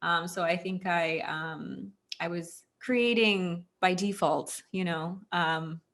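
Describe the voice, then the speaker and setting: A woman in her thirties from Houston, Texas, a former actress appearing as an interview guest, tells personal stories in casual conversation. Her voice is fairly low, steady and a bit bright, and she speaks at a slow pace, chatty and sprinkling in plenty of "like" and "you know."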